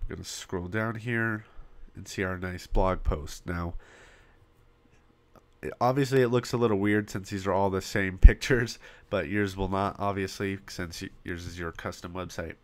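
The speaker is a man with a low, steady voice that is wearing out, hosting a casual web design tutorial captured as a screen recording. He narrates each step of building a website with frequent pauses, coughing occasionally into his popping desktop mic.

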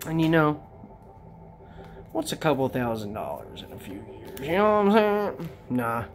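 A casual vlogger opening trading card packs, talking to viewers directly in an excitable, slangy way. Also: mid-range voice, unhurried, a little hiss or hum. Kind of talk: casual unboxing chat.

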